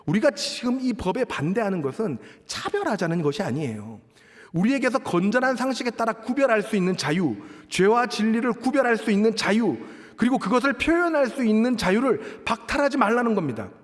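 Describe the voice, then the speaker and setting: A man's voice: high-pitched, sing-song, a little fast. A man in his thirties preaching a sermon as a pastor, emphatic and posing rhetorical questions to the congregation. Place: large church sanctuary. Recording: long church hall reverb.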